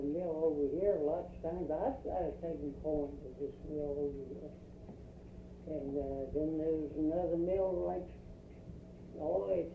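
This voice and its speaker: An older speaker from rural Virginia with an Appalachian accent, reminiscing in a halting, folksy, plain-spoken way for an oral history interview. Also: medium pitch, vocal fry. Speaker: local interviewee recalling mountain life. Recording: tinny, roomy, distant, noisy field tape.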